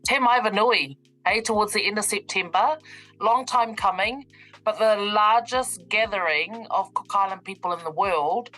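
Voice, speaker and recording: A woman's voice: medium pitch, fairly bright tone, poor audio. A woman hosting a casual live discussion. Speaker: host.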